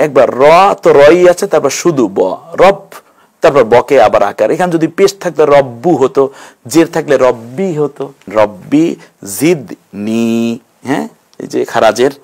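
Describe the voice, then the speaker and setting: A man teaching Quran reading in an online class, slowly sounding out syllables and encouraging his students. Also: medium pitch, a little mellow. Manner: slow, syllable-by-syllable drilling of pronunciations; patient, encouraging. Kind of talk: online lesson.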